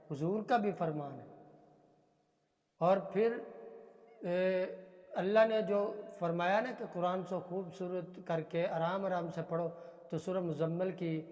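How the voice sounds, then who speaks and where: A high-pitched man teaches Quran recitation, patiently explaining and stretching out sounds to model each letter. His voice carries a long reverberant tail on a dull, lo-fi recording. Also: a little mellow. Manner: explains patiently and drags out sounds to demonstrate pronunciation. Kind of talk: religious teaching lesson.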